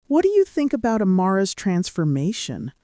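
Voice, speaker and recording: A woman's voice: medium pitch, huge pitch swings, normal speed, warm tone, dry recording, clean studio sound. A woman narrating a folktale in a scripted, dramatic storytelling style. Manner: dramatic, swooping delivery.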